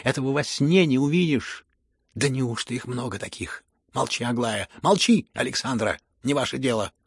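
A man reading a furious, hysterical elderly noblewoman who scolds everyone around her, in shrill raised bursts. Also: expressive, a little fast, gravelly, breathy edge, no echo, clean studio sound. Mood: indignant. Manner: shrill scolding outbursts, rising to shouts.

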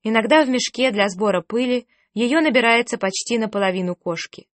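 A woman's voice: a little high, brisk, dry recording. Woman narrating an audiobook, dry and close.

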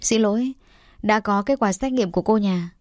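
A woman voicing a gentle, apologetic middle-aged male doctor in an audio story, soft and measured. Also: mid-range voice, dry recording, clean studio sound, close to an everyday voice. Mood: grave.

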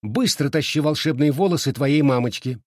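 Brief: teasing, hot-headed young village girl, voiced by a male reader, raised and sharp, dry close sound. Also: a little high, moderate pace, no echo, pitched above the performer's own voice, lightly acted. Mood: agitated. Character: bold teasing village girl, quick-tempered.

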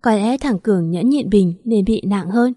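A woman reads a story aloud at a steady, even pace. Her voice sits at a middling pitch, and the recording is dry and close to the mic. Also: moderate pace, dry recording. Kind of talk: scripted story narration.

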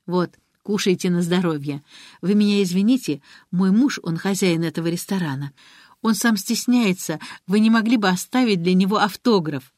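A woman voicing a talkative young chef in an audiobook, cheerful and kind, speaking lively and eager. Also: on the low side, moderate pace, dry recording, clean studio sound, natural voice. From from Rostov.

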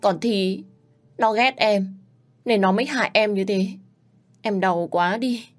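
Storybook figure, woman acting spiteful young sister-in-law, shrill, sneering, loud. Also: expressive, brisk, faint music behind. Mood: whining. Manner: sneering, shouting insults.

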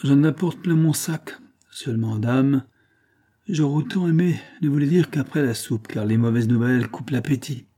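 A man voicing a jovial, gossipy old male peddler in a storybook reading, hearty and loud. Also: medium pitch, normal speed, voice pushed up, natural voice.

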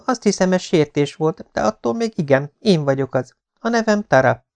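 A man's voice: on the high side, expressive, vocal fry, pitched above the performer's own voice. A man voicing a feisty young woman who loves baseball, spirited and teasing. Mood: wry.

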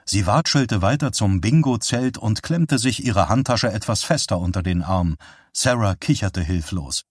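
A man narrating an audiobook with even, measured storytelling. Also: fairly low pitch, slightly rough, dry recording, clean studio sound. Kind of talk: scripted narration.

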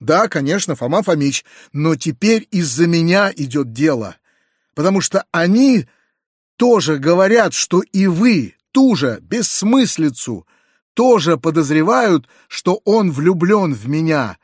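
A man's voice: on the high side, big pitch swings, measured pace, slightly rough, no room sound, studio quality, full character voice. A man reading an audiobook, voicing an agitated, proud young woman who pleads and protests heatedly. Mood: indignant.

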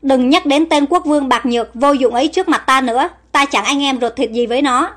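A brooding, resentful outcast prince in a storybook who nurses old grievances, voiced by a woman reading in her own high voice. His lines come out heavy and bitter. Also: brisk, a bit bright, faint music behind. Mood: angry.

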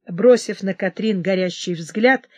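A woman giving a dramatic, expressive audiobook narration of a historical novel. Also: medium pitch, measured pace, no room sound, clean studio sound.

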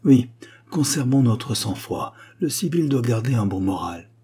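A man voicing a stiff old bachelor gentleman. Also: medium pitch, very animated, unhurried, a little hiss or hum. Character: elderly gentleman bachelor, fussy, proud.

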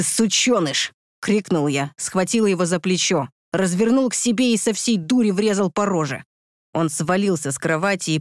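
A man narrating a dramatic audiobook with forceful, emotional delivery. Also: sits high, no echo, studio quality.

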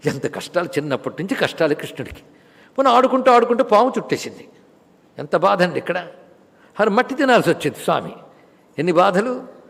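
A man giving a devotional sermon on scripture. He swings between loud exclamations and soft asides, and he chants verses slowly. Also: high voice, in a large hall. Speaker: spiritual discourse speaker.

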